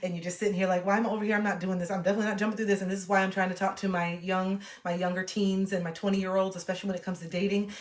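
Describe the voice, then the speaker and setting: A woman's voice: medium pitch, very fast, hardly any pauses. A woman in her late thirties, a livestreamer chatting casually and animatedly with her viewers. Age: 30s. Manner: chatty, animated, reacts to chat. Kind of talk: casual chat to a live chat. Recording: echoey room.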